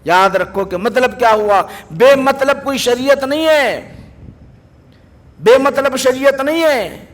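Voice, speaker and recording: A man preaching a sermon in a mosque, fervent and repeating phrases for emphasis. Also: very high voice. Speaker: mufti preaching a hadith lesson. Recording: long hall reverb.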